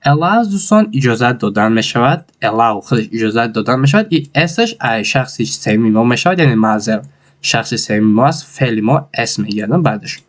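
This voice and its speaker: Tajik guy teaching english, says phrases slow word by word, keyboard clicks behind. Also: mid-range voice, animated. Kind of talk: spoken English lesson.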